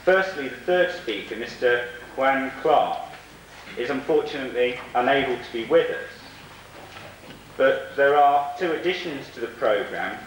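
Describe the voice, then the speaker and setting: A man's voice: mid-range voice, expressive, a little slow. A man chairing a panel, speaking in a formal, solemn way as he addresses the room and introduces speakers. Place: large echoey room at a conference. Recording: very echoey hall, distant mic, faint noise.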